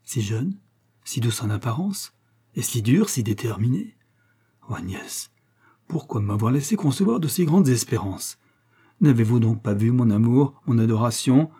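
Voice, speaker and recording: A man voicing a passionate, heartbroken young suitor who implores with feeling, in a dark husky voice. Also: medium pitch, normal speed, close to an everyday voice. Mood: passionate imploring.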